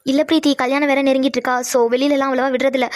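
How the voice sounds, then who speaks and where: Woman doing an insistent, friendly elder sister type, high and brisk. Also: level tone, no echo, studio quality, natural voice. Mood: coaxing. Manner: coaxing, insistent. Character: pushy friendly older woman inviting friends.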